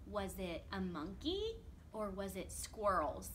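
A woman children's librarian reading a picture book aloud at preschool storytime, slowly and expressively, asking the children questions. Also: mid-range voice, sing-song, a bit bright, a little hiss or hum.

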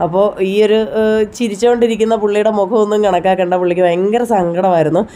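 A woman's voice: mid-range voice, steady tone, fast talker, dark tone. A woman in her thirties with a Kerala Malayalam accent, narrating a personal family vlog in a chatty, heartfelt way. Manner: chatty, heartfelt, frequent tag "you know". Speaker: vlogger.

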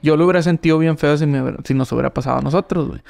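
A man's voice: fairly high pitch, racing, gravelly, a little mellow. A man with a northern Mexican accent hosting a podcast, chatting casually and dropping slang into nearly every line. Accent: northern Mexican (Monterrey). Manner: slangy, says güey constantly. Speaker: podcast host. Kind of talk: casual chat.

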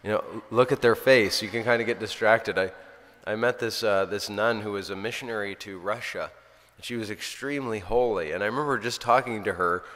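Earnest priest in a reverberant hall. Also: male voice, on the low side, fairly quick, fairly bright tone. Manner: earnest, storytelling, often restarts sentences. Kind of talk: informal spiritual talk.

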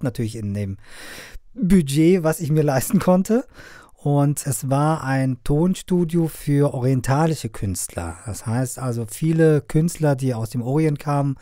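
This middle-aged Afghan man, a sound engineer and media trainer, gives conversational interview answers at an unhurried pace, often pausing and hesitating with fillers. His mid-range voice is mellow, and the dry, close recording sounds like a studio.

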